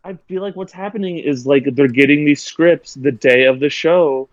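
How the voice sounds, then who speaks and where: A man's voice: fairly high pitch, normal speed, no room sound. A man co-hosting a casual wrestling recap podcast, rambling with lots of "like" fillers and blunt opinions. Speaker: podcast co-host. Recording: slightly muffled dry recording.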